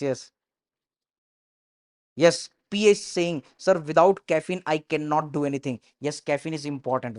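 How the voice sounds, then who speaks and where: A woman with an Indian English accent giving an exam-prep lecture in mixed Hindi and English, emphatic and repeating her key points. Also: mid-range voice. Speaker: medical entrance exam teacher.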